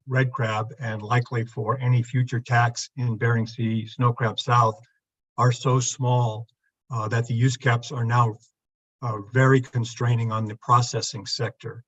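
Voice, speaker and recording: A man giving formal testimony over a remote call line, his voice muffled as if heard through a wall, in a measured, technical way. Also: mid-range voice, little pitch movement, a bit bright. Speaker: public testifier at a council meeting. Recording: dull muffled lo-fi remote audio.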